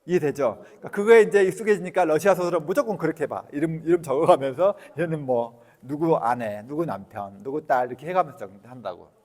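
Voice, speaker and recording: A man's voice: on the high side, fast, few pauses, a little mellow. Guy lecturing a room, blunt and chatty, keeps asking if u get it, voice ringing around a big hall. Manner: blunt, colloquial, keeps quizzing the audience. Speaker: EFT lecturer and clinic director. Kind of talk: casual spoken lecture. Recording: long hall reverb.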